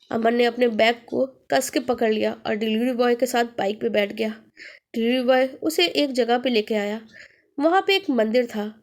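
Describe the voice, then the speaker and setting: A woman narrates a ghost story with a dramatic, suspenseful delivery. Her voice sits noticeably high.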